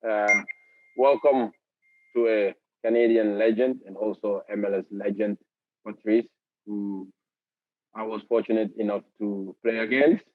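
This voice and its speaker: A low-voiced man hosts a casual interview, pausing often and searching for words. His voice comes through dull and lo-fi, with a dry, close sound. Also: no room sound. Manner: halting, searching for words, many fillers. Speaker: head coach, host.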